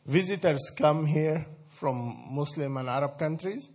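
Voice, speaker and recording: Husky-voiced man. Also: a little high, measured pace, a little mellow. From Sudan. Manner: conversational, asks the audience questions, laughs often. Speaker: speaker addressing a church group. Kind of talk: informal talk to an audience.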